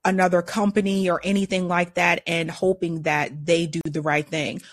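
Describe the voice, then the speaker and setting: A woman's voice: lowish voice, little pitch movement, normal speed. A woman in a casual discussion, explaining her points in a matter-of-fact way.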